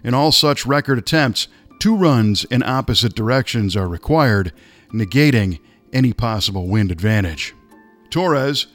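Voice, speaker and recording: Male narrator, mid-pitched, scripted nonfiction reading, measured pacing, guitar softly behind.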